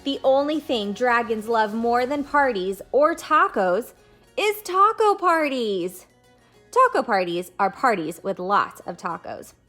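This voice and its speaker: With soft music in the background, a woman hosts a read-aloud lesson, addressing young children directly as a teacher reading a picture book, using simple explanations and questions. Her voice is a little high and animated, with a sharp tone and a measured pace.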